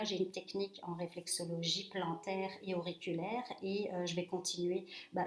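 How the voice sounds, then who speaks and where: A woman in her forties, from France, talks to camera about her work in a relaxed, halting way, filling gaps with little hesitations. Her voice sits a little low. The room around her is noticeably echoey. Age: 40s. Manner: relaxed, hesitant with frequent fillers. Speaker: reflexologist presenting her practice. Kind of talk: casual self-introduction to camera.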